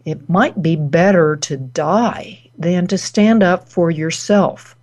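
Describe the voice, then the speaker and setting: A woman hosting a wellness talk, speaking deliberately and pausing between short phrases. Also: lowish voice, a little mellow. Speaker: host.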